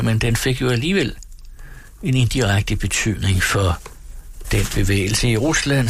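A man reading aloud and talking about books in a measured way, with thoughtful pauses. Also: lowish voice, breathy edge. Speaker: reader and book presenter.

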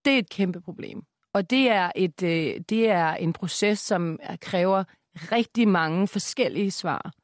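A woman on a radio talk show, explaining and defending her views at length. She argues earnestly and steadily, pausing on fillers as she builds her points. The studio sound is dry and close. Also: on the low side, no room sound. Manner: measured, earnest arguing with fillers. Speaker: guest author. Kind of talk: radio debate.

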